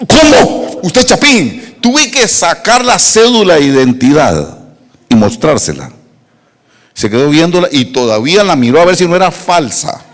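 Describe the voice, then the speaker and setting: Lively high-voiced preacher from Costa Rica. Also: male voice, normal speed, long reverb tail. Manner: humorous storytelling, addressing the congregation directly. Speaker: pastor. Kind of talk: sermon.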